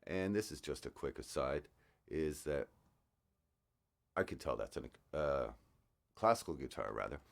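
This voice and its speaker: A man, a guitarist, casually breaking down a song in an explanatory, thoughtful way with frequent fillers. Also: rumbling low. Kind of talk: casual music breakdown commentary. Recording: music playing in the background.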